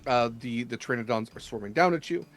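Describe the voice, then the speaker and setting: With a mid-range voice and animated intonation, a man leads a tabletop game as game master, inventing the narration on the spot in a halting, talky style.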